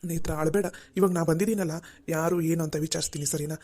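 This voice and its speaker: Young man, cartoon, soothing, coaxing, deep, dark tone. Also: fairly even intonation, fast, husky. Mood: reassuring. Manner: soothing, coaxing, repeats "okay?". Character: young man, calm and reassuring friend. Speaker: helper friend.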